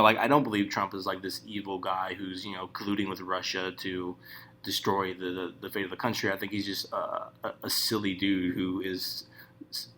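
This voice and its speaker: A man's voice: fairly low pitch, bright, forceful tone. A man giving casual, rambling political commentary, swearing often and restarting his sentences. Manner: profane, rambling, many restarts.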